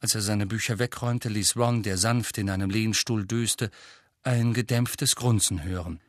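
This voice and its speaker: A man reading an audiobook in a lively way, voicing each character. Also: on the low side, normal speed, no room sound, clean studio sound. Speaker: audiobook narrator. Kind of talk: scripted audiobook narration.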